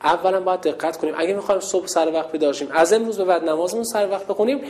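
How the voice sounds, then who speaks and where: Playful woman instructor calling out to girls. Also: on the low side. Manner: lively, playful, calls out loudly. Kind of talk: leading a children's call-and-response game.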